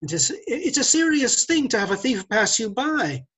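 Haughty, persuasive thief played by an older man, stage play: husky, very animated, condescending lecturer. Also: very high voice, moderate pace, heavily acted. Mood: smooth condescension. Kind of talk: stage play read over video call. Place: indoors, curtained room. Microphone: video call.

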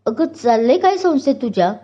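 A woman's voice: high-pitched, sing-song, fairly quick, mellow, pitched above the performer's own voice. A woman voicing an earnest young police inspector. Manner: polite, eager, chatty. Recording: dull lo-fi recording.

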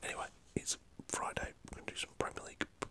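This northern English man talks quickly in a pushed, bright whisper, chatting about football for an ASMR channel. He rambles and swears mildly, with a camera placed in front of him.

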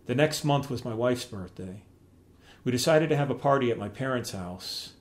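A middle-aged man reading aloud from his own memoir in a plain, measured storytelling way. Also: mid-range voice, animated.

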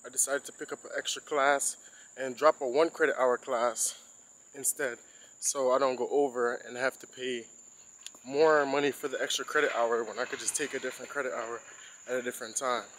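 A man's voice: medium pitch, a little fast, poor audio. A young man, a college student, talking casually into his phone while walking outdoors on campus. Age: young adult. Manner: relaxed, loose and conversational.

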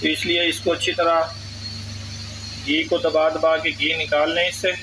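A man's voice: on the high side, flat delivery, measured pace, noisy background. A man hosts a cooking channel and explains a recipe step by step. He speaks to his viewers as friends. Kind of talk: cooking tutorial. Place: home kitchen.

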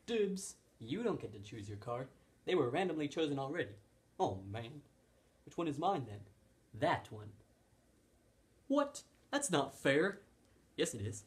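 Excitable man in amateur toy role-play. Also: mid-range voice. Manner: excitable, quick exclamations. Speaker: home video creator voicing toy dogs.

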